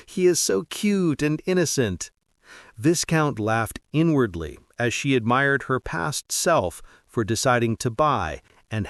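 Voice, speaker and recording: Slow, expressive male story narrator. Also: mid-range voice, dry recording, studio quality.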